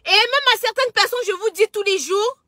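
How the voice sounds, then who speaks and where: A woman's voice: very high voice, fairly quick, bright, forceful tone, dry recording, clean studio sound. A woman with a Cameroonian French accent, a social media entrepreneur, talking passionately to her followers and often stumbling over repeated words. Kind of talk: emotional direct-to-camera social media monologue.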